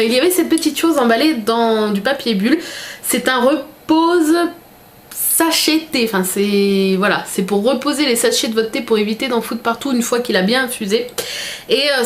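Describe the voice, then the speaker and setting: Chatty and gushing, this young female vlogger opens a gift parcel and raves about every item, leaning heavily on fillers. She has a fairly high-pitched voice, and there's a slight hiss or hum behind her.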